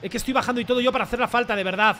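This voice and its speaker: Un streamer con acento de España que comenta su partida a gritos, repitiendo palabras en ráfagas. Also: male voice, extremely high pitch, fairly even intonation, racing. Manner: shouts and repeats words in bursts. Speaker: gaming streamer. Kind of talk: excited gameplay commentary.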